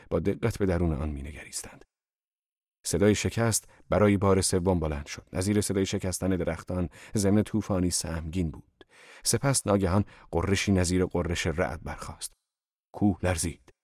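A man narrating a novel as an audiobook in a steady, measured storytelling manner. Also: low-pitched, dry recording, clean studio sound. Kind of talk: scripted literary narration.

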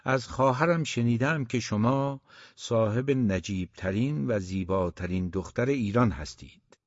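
A man reading the part of a polite, smiling young man who has come courting, speaking smoothly and courteously. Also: medium pitch, dry recording, muffled recording, natural voice.

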